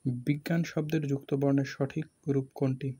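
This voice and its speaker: A man with a Bangladeshi Bengali accent, walking through exam questions as a tutor, talking haltingly with many fillers and pauses. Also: medium pitch, level tone, dark tone, husky.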